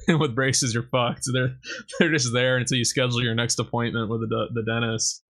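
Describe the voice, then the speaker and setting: Guy on a podcast, mid-pitch voice, blunt, swears a lot, goes off on little rants. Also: little pitch movement, moderate pace, a bit bright. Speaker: podcast co-host. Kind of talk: casual chat.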